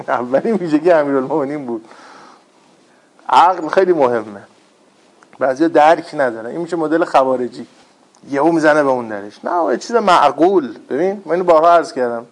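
A man preaching in a lively storytelling way, with rhetorical questions and wry humor. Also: a little high, pauses often. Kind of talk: religious talk with retold stories.

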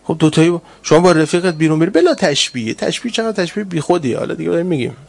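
A man preaching a sermon, telling stories in an animated way and swinging between loud and hushed delivery. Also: fairly high pitch, creaky. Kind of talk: sermon with storytelling.

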